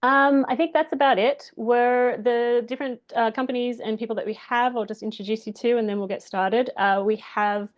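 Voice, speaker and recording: A woman's voice: on the high side, normal speed, hardly any pauses, dull audio. Woman hosting an online session. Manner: relaxed, filler-heavy. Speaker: webinar host. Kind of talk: casual webinar introductions. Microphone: video call.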